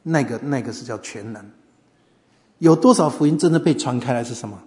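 A man's voice: mid-range voice, a little fast, a little mellow. A man preaching a sermon, telling stories and asking the listeners questions. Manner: storytelling, asks the audience questions. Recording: long hall reverb.

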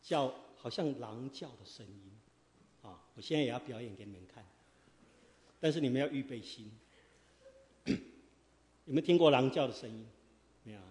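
A man preaching a sermon, quizzing the congregation and swinging from quiet asides to loud exhortation. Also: mid-range voice, normal speed, long pauses, long reverb tail, noisy background. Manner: lively, quizzes the congregation with fill-in questions. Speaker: pastor. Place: church sanctuary.

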